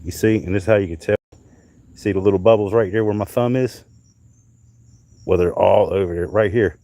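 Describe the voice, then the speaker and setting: A middle-aged man from North Carolina streams live outdoors on a hot summer night, casually rambling and swearing as he displays things he found. His dark, fairly low voice is fairly even in intonation and a little fast, captured dry.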